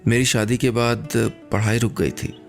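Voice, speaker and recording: A man voicing a gentle, emotional young married woman in a radio story, speaking softly and with feeling. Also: mid-range voice, steady tone, a little slow, vocal fry, soft background music.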